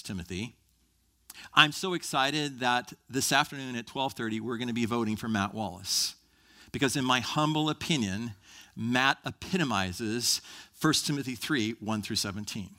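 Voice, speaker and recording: A male pastor preaching a sermon to his congregation, animated and emphatic, building in intensity. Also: mid-range voice.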